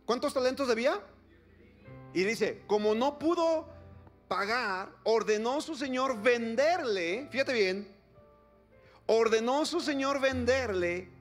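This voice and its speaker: A male pastor preaching a sermon, reading scripture aloud and putting questions to his congregation. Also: very high voice. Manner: reads scripture then asks the congregation questions.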